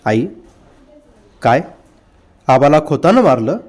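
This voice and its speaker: A man's voice: mid-range voice, sing-song, takes it slowly, voice pushed down. A man voicing a bold, teasing ten-year-old village boy in an audiobook, with a brash, raised voice. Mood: eager.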